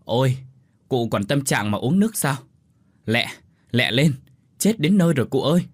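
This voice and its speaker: A man voicing a loud, bossy elderly village woman who shouts and fusses at her deaf neighbor in an audio story. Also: medium pitch, sing-song, a little fast, no room sound, voice pushed up, lightly acted. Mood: urgent shouting. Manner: shouting, urgent, scolding.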